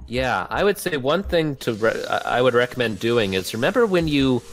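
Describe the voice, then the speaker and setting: A man's voice: mid-range voice, very animated, moderate pace, faint music behind. A man co-hosting a gaming show in casual let's-play chat.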